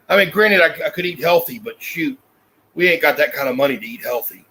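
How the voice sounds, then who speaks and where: A man's voice: fairly high pitch, animated, normal speed, pushed and bright, husky, low-quality recording. A man, chatting casually and folksily as a family vlog host. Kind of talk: casual chat.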